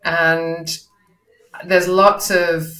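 Low-voiced woman coach, measured and easygoing. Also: level tone, a bit bright. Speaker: voice and performance coach, guest. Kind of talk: casual interview.

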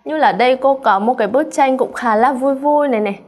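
A woman teaching an English exam-prep lesson with a Vietnamese accent, animated and checking in with her students often, referring to herself by name. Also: sits high, a little fast. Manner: calls herself by name in third person.

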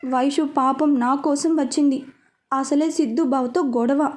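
Woman doing a gentle older sister, soft, coaxing, high voice, storybook reading. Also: fairly even intonation, unhurried.

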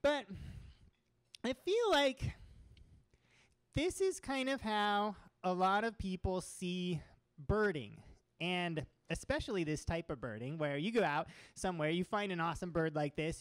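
A man's voice: high voice, smooth, dry recording. A young man from Oregon giving an enthusiastic talk with slides to a seated audience in a small crowded room, speaking into a handheld microphone. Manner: enthusiastic, gestures with his free hand while talking. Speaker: guest speaker.

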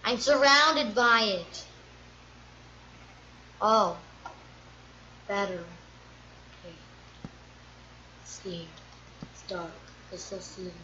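A woman's voice: medium pitch, lively intonation, drawn-out words, long pauses. A woman casually commenting to herself while playing a survival game, muttering as she goes. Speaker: gameplay streamer. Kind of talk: casual let's-play commentary. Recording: dull lo-fi recording with faint noise.

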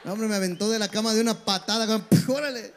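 A man's voice: high voice, fast, slight background noise. A middle-aged man with a Mexican accent telling crude, rambling jokes on stage at a local pageant. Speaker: comedian. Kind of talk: stand-up joke telling.

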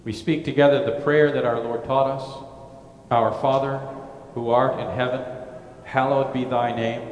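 A man leading a church service, reciting liturgical prayers in a solemn, measured way, his voice carried by a cathedral-like echo. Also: medium pitch, little pitch movement, dull audio. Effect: cathedral-like echo with a long church-hall reverb. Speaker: pastor leading worship. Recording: echoey, reverberant large church hall.

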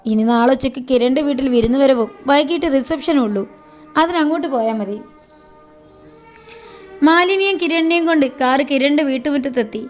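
A woman storyteller reads a love story in calm, steady narration. Her voice sits high, and soft music plays faintly beneath her.

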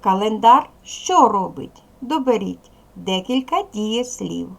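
A woman with a Ukrainian accent, a primary school teacher giving a recorded lesson to young children in slow, clear instructions. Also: mid-range voice, animated, darkish tone.

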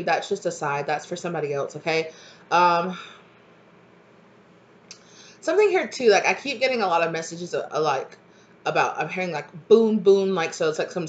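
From her home kitchen, a thirty-something woman with a mild cold does a relaxed channeled tarot reading to camera, chatty and reassuring with plenty of asides and fillers. Her voice is low-leaning yet a bit bright, and the webcam at desk distance gives slightly dull sound.

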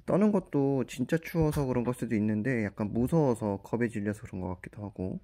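A man's voice: mid-range voice, fast talker, mellow, no room sound. A man narrating a pet vlog in a friendly, chatty way, talking straight to his viewers. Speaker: pet vlogger.

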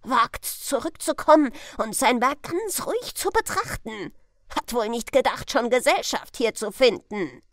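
A woman's voice: on the high side, lively intonation, measured pace, a bit bright, no room sound, studio quality. A woman reading a storybook aloud, voicing an agitated man in a village crowd who calls out urgently.

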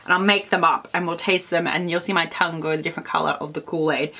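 A woman's voice: sits low, fairly even intonation, fast talker, bright, forceful tone, a little hiss or hum. An Australian woman chatting enthusiastically in a casual food taste-test vlog, full of "like" fillers. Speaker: food vlogger. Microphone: camera on tripod.

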